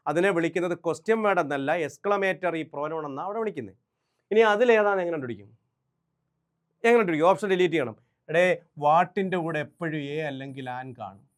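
A man teaching English grammar for an exam, quizzing students and answering his own questions with emphasis. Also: a little high. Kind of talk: exam-prep lesson.

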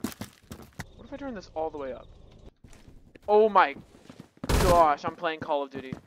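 A young man chatting casually while gaming, talkative and quick to laugh. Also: fairly high pitch, expressive, noisy background. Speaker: gamer chatting with friends.

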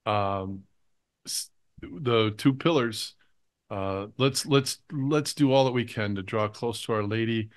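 A man's voice: fairly low pitch, takes it slowly. Earnest man hosting a faith show. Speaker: show host. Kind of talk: religious talk show conversation.

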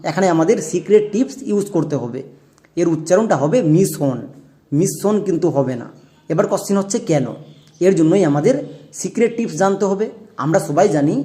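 A man's voice: high voice, mellow. A man teaching English pronunciation in a classroom-style lesson, spelling out words letter by letter and asking his viewers questions as he explains.

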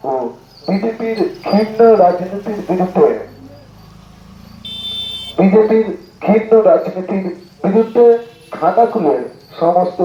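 A man makes a formal public announcement through a megaphone, declaiming in measured short phrases with pauses. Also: high-pitched. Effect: amplified through a megaphone. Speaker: political party announcer. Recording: echoey, dull lo-fi loudspeaker sound.

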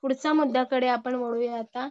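A woman's voice: high voice, steady tone, fairly quick, no room sound, dull audio. A woman teacher with a Marathi accent, reading lines from a story and explaining each one to her class with rhetorical questions. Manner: reads a line, then explains it in plain words with rhetorical questions. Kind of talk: explaining a textbook lesson to a class.

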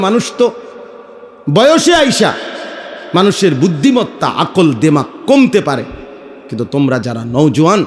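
A middle-aged male Islamic preacher with a Comilla Bengali accent, giving a waz sermon in a light voice after throat surgery, shifting from soft storytelling to loud exhortation. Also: high voice. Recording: echoey hall, long reverb.

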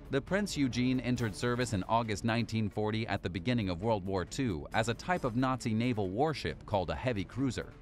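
A man reading a scripted documentary narration in an even, measured countdown style, over faint music. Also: fairly low pitch. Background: faint background music.

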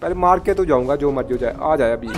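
A man giving excitable live commentary as a gameplay streamer, shouting at enemies mid-fight. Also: on the high side, fast talker, very noisy. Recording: loud game music behind voice. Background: loud game music.

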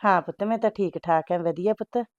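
An older woman acting a gentle, affectionate mother-in-law in a family drama. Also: fairly low pitch, a little fast, no echo, lo-fi sound. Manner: soft, affectionate.

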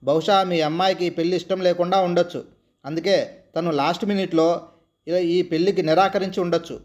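A storybook grandmother, older and stern, lays out her grievance in a steady, measured way. A man reads her in his own high-pitched voice. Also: close to an everyday voice. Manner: measured, reproachful then persuasive. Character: stern elderly grandmother of the groom.

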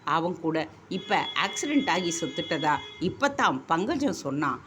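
A woman's voice: on the low side, very animated, measured pace, music in the background. Woman voicing a timid, deferential male servant. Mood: nervous. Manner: deferential, nervous.

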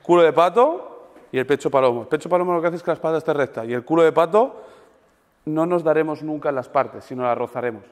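A man coaching a weightlifting seminar group, animated and demonstrative, checking in with his listeners after almost every point. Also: a little high, quick pace. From Spain. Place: large gym hall. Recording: long gym reverb.

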